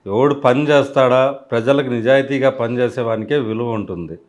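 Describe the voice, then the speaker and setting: A man's voice: mid-range voice, normal speed, a little mellow. A man, a district party president, answering interview questions firmly and dismissively. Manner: firm, dismissive, repeating points.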